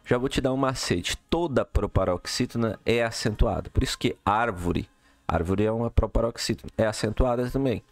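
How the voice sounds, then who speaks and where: A man's voice: on the low side, moderate pace. A man teaching a recorded lesson, walking through exercise answers step by step and checking in with the listener often. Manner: explanatory, checks in with "tá?" and "beleza?".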